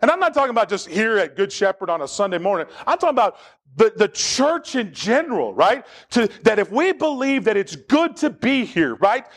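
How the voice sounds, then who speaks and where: A male pastor preaching in a church with a high, lively voice that swoops up and down as he builds his points. He drives the sermon forward with animated emphasis and has the congregation repeat lines back to him. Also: fairly quick. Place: church sanctuary.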